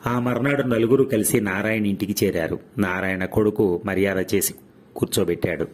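A man narrating a story aloud in a steady, even reading voice. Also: lowish voice, moderate pace. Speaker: story reader.

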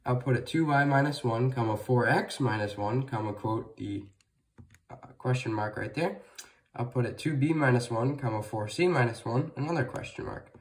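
A man's voice: medium pitch, normal speed. A man giving an instructional tutorial, dictating program code symbol by symbol in short, separate pieces. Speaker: presenter of a calculator programming tutorial. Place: indoors at a wooden table, off camera. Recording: distant from the mic.

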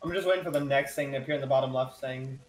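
A man's voice: medium pitch, very fast, rough recording. A man chatting casually while playing a game with a friend, asking lots of questions and swearing freely. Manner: curious, profane, questioning. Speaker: co-player. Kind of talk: casual gameplay chat.

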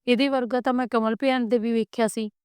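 A woman voicing an eager, soft-hearted young village wife in a family story. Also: fairly high pitch, fairly even intonation, brisk, smooth, no room sound, studio quality, pitched above the performer's own voice, lightly acted. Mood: curious.

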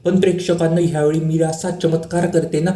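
A man's voice: fairly high pitch, little pitch movement, a little fast, warm tone. A man casually recapping the latest episode of a TV serial, often turning to address the viewers and repeating stock words. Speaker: TV serial update narrator. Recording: roomy echo.

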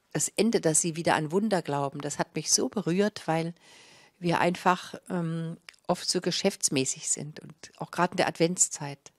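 Holding a handheld microphone close, a fairy-tale storyteller in her sixties performs orally for a small audience in a little room with a curtained stage. She speaks low, dramatically savouring each line, repeating phrases and stretching words out. Room sound is minimal to absent, and the audio is studio quality.

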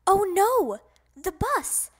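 A woman voicing an excitable, panicky young boy frog, exclaiming as she reads a storybook to a toddler. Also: very high-pitched, drawn-out words, exaggerated voice. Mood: panicked.

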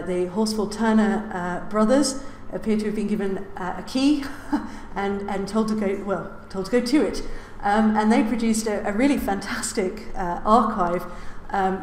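A woman's voice: mid-range voice, steady tone, moderate pace, hardly any pauses, darkish tone. A woman giving a public lecture from a lectern, with many "uh"s and the odd wry aside. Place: lecture hall. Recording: roomy lecture hall reverb, faint hiss.

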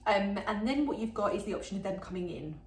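Fast-talking woman training her dog. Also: mid-range voice, expressive. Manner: chatty, frequent "um" and "okay?". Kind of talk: instructional demonstration. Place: home indoors. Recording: echoey room, voice from a distance.

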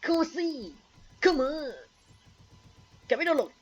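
A man's voice: measured pace, natural voice. A man voicing a hungry, boastful dinosaur that makes playful threats. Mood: taunting. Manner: playful threats in a goofy put-on voice.

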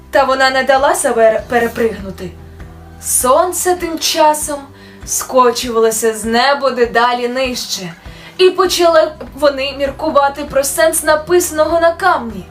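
Woman storyteller, high voice, fairy-tale narration over faint music. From Ukraine. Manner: gentle, expressive storytelling. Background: soft music.

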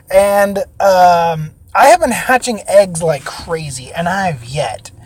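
Excitable swearing gaming vlogger man. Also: sits high. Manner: swings from shouting and squealing to muttering, swears a lot. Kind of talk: excitable live gameplay commentary. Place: in a parked car.

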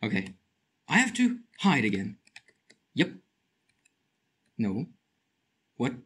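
A man with a slight lisp, giving excitable let's play commentary, muttering to himself and shrieking at wins and scares. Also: medium pitch, slow, husky. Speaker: gaming channel host.

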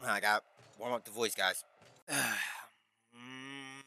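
A young gaming YouTuber in his bedroom, speaking into a headset mic, gives hyped, playful gameplay commentary and an outro, joking about his own singing. His medium-pitched voice is extremely slow, gravelly yet smooth, bright and forceful, with no room sound.

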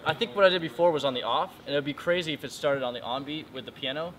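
A man's voice: fairly high pitch, racing, over a noisy crowd. A man chatting casually and tentatively, correcting himself as he explains. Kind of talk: casual chat. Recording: very noisy vehicle background.

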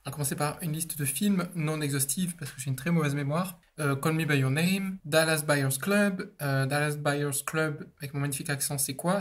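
A young man, an author, answering interview questions in a casual, chatty way, with frequent fillers and the odd swear. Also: fairly high pitch.

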